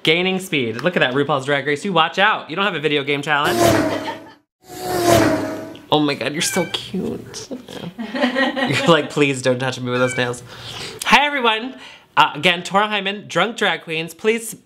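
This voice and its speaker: A man's voice: high voice, bright, forceful tone. A man in his thirties, a sassy, campy drag queen host chatting casually and comically, a little tipsy. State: tipsy from drinking. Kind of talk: casual comedic chat while playing a game. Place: small indoor set with foil backdrop.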